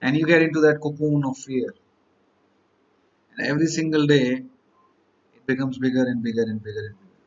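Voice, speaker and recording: A man's voice: mid-range voice, fairly even intonation, a little fast, pauses often, highs cut off. A man, teaching exam candidates in a motivational lecture, stacking up rhetorical questions and repeated lists.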